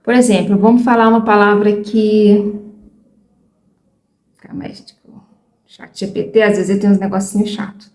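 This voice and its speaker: A woman's voice: medium pitch, steady tone, moderate pace, pauses often, darkish tone, roomy sound. A Brazilian woman in her thirties with a Brazilian accent, chatting frankly to her viewers as she learns English and often loses her train of thought. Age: 30s. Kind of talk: casual chat to viewers.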